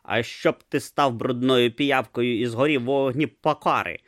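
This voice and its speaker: A man's voice: medium pitch, fairly even intonation, normal speed, fairly bright tone, lightly acted. A man voicing an irritable, imperious ancient god trapped in the body of a small tortoise, barking orders and sneering. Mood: furious. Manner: imperious, sarcastic, barks orders.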